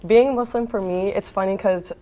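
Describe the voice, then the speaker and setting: A woman of Pakistani family, a game contestant, talking in a relaxed, chatty way with frequent fillers. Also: mid-range voice, normal speed. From Pakistan, family from Islamabad. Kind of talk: casual group chat.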